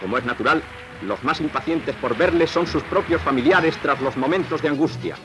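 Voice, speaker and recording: A man's voice: on the high side, fairly quick, background noise. A man giving formal, declamatory narration on an old 1960s newsreel soundtrack. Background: music.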